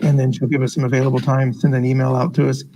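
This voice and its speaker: A man's voice: medium pitch, flat delivery, racing, mellow. An American man talking through a face mask, formally reading agenda items aloud as he chairs a board meeting. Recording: noisy meeting room recording.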